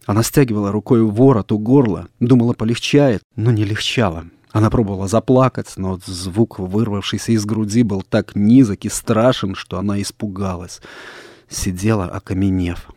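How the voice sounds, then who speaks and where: A man calmly narrating a literary story as an audiobook, in a measured reading. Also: on the low side, no room sound, clean studio sound.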